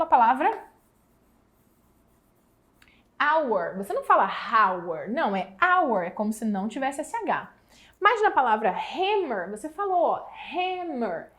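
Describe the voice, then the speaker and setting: Brazilian woman, brazilian portuguese accent, english teacher, high voice, animated, drawn-out examples. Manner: lively, explanatory, stretches out example words. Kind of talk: exam prep lesson.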